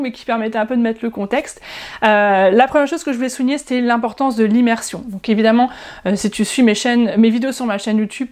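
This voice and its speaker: A woman from France in her thirties, talking casually to camera in a vlog with frequent pauses and restarts. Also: a little high, a little mellow. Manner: chatty, many hesitations and restarts. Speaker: language-learning YouTuber.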